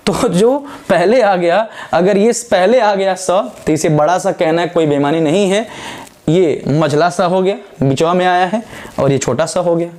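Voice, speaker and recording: A young man with a Purvanchal Hindi accent teaching grammar at a board, emphatic, repeating sounds slowly to drill them. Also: on the high side, darkish tone. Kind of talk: whiteboard grammar lesson.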